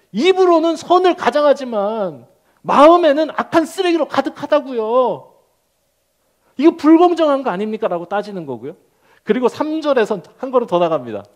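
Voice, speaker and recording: A male pastor preaching a sermon, acting out quoted complaints in character voices and dropping to a soft, low delivery at key moments. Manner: animated, acts out the prophet's complaints in quoted voices.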